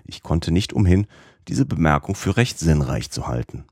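A man reading a classic novel aloud as first-person audiobook narrator, in a measured, literary storytelling manner. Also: sits low, sing-song, darkish tone, breathy edge, no room sound, studio quality.

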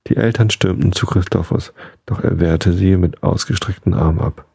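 Deep gravelly male storyteller. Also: fairly even intonation, normal speed, dark tone, no echo, studio quality. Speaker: narrator. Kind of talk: storybook reading aloud.

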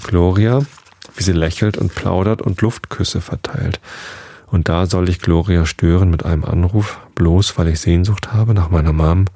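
A man calmly reading a novel aloud in the first person, in an intimate storytelling manner. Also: deep voice, normal speed, breathy edge, no room sound. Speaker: audiobook reader.

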